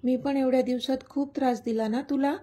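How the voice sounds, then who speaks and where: A woman reading the lines of an emotional, shy young heroine in a love story, in a gentle, pleading way. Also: high voice, steady tone, a little fast.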